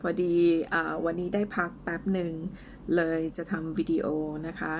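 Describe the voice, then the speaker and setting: A Thai woman teaching English in a casual lesson, speaking slowly and carefully as she drills pronunciation, with a few fillers. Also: fairly low pitch, level tone, slight background noise.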